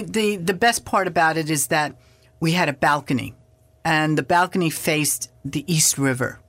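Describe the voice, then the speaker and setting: A woman's voice: sits low, dry recording. An older woman, a guest in an interview, telling a story with animation and acting out past dialogue.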